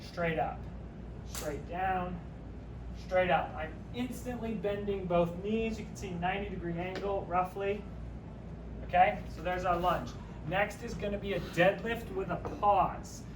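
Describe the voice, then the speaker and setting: High-voiced man coaching a workout. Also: a little slow, distant mic, background noise. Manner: upbeat, joking coach talk, counting reps. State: a little out of breath while exercising. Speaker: fitness instructor. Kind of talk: guided workout instruction. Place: empty room. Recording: echoey room, from away from mic.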